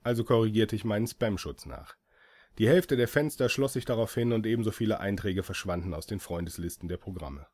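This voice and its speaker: A man's voice: fairly low pitch, fairly quick, darkish tone. A man reading a first-person story aloud as an audiobook, with dry, ironic delivery. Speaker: audiobook reader.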